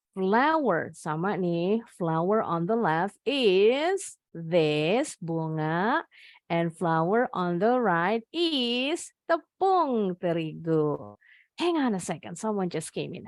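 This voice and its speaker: A woman's voice: lowish voice, no echo, studio quality. A young woman with an Indonesian accent teaching an online English lesson, patiently explaining each word in English and then Indonesian.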